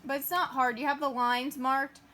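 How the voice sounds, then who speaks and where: High-pitched chatty woman crafting. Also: little pitch movement, normal speed, pushed and bright, slight background noise. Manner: chatty, filler-heavy, talks through each step as she works. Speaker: craft tutorial host. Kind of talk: casual sewing tutorial.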